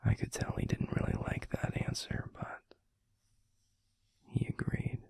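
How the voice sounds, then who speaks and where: A man voices a gentle, protective alpha werewolf boyfriend for an intimate ASMR roleplay, his breathy, gravelly near-whisper slow and halting, with soothing pauses. The mood is calm and reflective, and his voice sounds natural with no echo.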